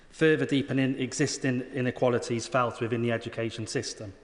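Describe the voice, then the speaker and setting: A man with a British accent delivering an earnest, formal prepared speech as a member of parliament in a large debating chamber. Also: medium pitch. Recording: reverberant hall sound.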